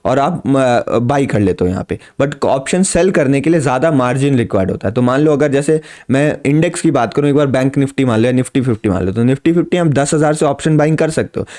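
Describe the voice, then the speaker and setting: A man's voice: mid-range voice, lively intonation, fast talker, hardly any pauses, a little mellow. A man teaching beginners, explaining patiently and repeating his points with simple everyday examples. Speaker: trading teacher. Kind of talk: explanatory lesson to camera.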